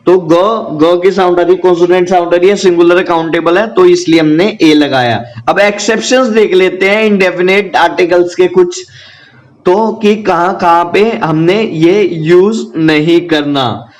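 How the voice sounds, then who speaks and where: A man's voice: high-pitched, moderate pace. A man teaching a grammar lesson, who asks the class questions and answers them himself while repeating the key points.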